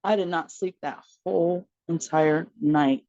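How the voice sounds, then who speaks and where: A woman's voice: lowish voice, measured pace, dry recording, highs cut off. A woman, a podcast guest and mother of four, telling a personal story in conversation, acting out what others said to her, with laughter and fillers. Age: adult mother of four. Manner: animated storyteller acting out quoted dialogue.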